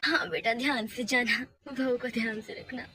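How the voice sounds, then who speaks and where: A woman voicing an anxious middle-aged mother-in-law who calls out loudly and repeats herself. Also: fairly high pitch, fairly even intonation, moderate pace. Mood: worried. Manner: loud, repeats calls in alarm. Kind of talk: hobby doll mini-movie voice acting. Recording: noisy home recording.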